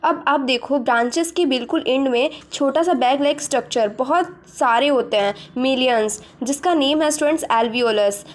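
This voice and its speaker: High-voiced woman teaching biology. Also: normal speed, few pauses. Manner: addresses students directly, mixing English terms into Hindi. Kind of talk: explaining a school biology lesson.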